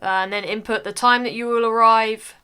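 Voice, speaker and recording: A young British woman narrates a casual screen-recording tutorial, walking through an online form and dropping in frequent "uh" fillers. Her voice sits fairly high with fairly even intonation, and her delivery is brisk, pushed and bright with a clean tone.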